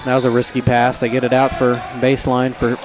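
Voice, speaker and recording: A man's voice: medium pitch, completely flat delivery, fairly quick, music in the background. A man calling a live basketball game play by play, chatty with wry asides about the team. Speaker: play-by-play commentator. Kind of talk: live sports commentary. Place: school gymnasium at a basketball game. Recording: noisy gym ambience.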